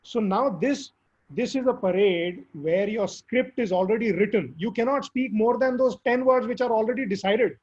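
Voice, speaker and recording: A man with a hoarse, squeaky voice from recent illness, answering interview questions earnestly and emphatically. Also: normal speed, a little mellow. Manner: earnest, emphatic advice with fillers. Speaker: guest speaker. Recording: dull lo-fi audio.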